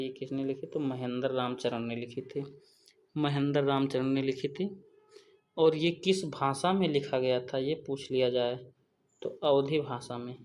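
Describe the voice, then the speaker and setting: A man's voice: a little high, darkish tone, slight background noise. A man teaching an exam-prep lesson, quizzing himself aloud and repeating each answer twice. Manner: repeats each answer, asks and answers his own questions. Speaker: Hindi exam tutor.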